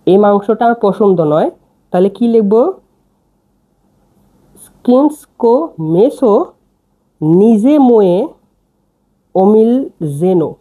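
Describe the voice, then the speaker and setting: A woman teaching vocabulary, spelling each word out letter by letter and repeating it slowly. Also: medium pitch, warm tone. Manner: slow, spells words letter by letter and repeats them. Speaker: language teacher. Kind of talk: spelling out words in a language lesson.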